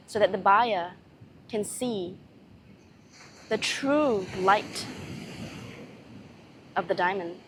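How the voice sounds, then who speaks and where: A serene goddess, channelled by a woman, delivers a spiritual message in a mid-pitched voice. She speaks very slowly and solemnly, with loving gentleness and long pauses between phrases. A light ambient noise sits behind her. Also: close to an everyday voice.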